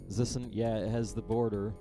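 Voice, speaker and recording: A man playing through a game on stream, giving low-key, muttered reactions and comments. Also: steady tone, brisk, low-quality recording. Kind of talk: casual gameplay commentary. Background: game music.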